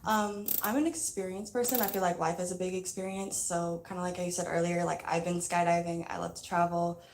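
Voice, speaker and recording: A woman's voice: on the low side, flat delivery, brisk, darkish tone. A woman in her twenties on a dating show, talking earnestly and enthusiastically about her experiences. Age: 20s. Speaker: contestant.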